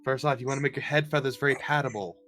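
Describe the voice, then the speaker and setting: A man's voice: medium pitch, racing, faint music behind, close to an everyday voice. Casting: opgewonden, bazige grote zus, door een man gespeeld, met zachte muziek op de achtergrond. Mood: eager bossy. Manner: eager, bossy, excitable. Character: pushy, upbeat big-sister adventurer woman.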